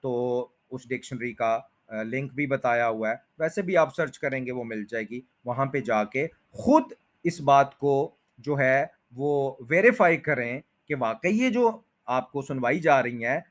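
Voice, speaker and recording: A man teaching English pronunciation, patiently explaining and slowly repeating each word with drawn-out stressed syllables. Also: medium pitch, animated. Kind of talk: spoken lesson.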